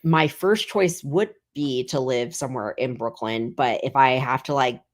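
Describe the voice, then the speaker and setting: Casual guest: thirties woman, deep for a woman, meandering chat full of fillers. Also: unhurried. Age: 30s. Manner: rambling, heavy filler "like". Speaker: guest comedian.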